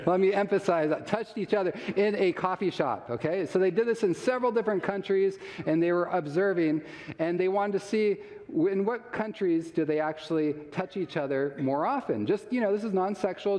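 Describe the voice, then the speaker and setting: A man's voice: high voice, darkish tone. A man giving a live health seminar talk, chatty and questioning the audience, chuckling often. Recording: long reverb of a large hall.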